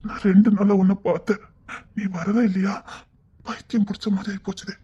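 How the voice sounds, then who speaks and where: A lonely, soft-hearted man with a Tirunelveli Tamil accent, as a woman acts him out, tearful and pleading and often dropping to a hush. The voice is dark and husky, and the recording sounds dull and lo-fi. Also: mid-range voice, little pitch movement, brisk. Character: lonely, tender-hearted grown man, emotional. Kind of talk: emotional drama acting.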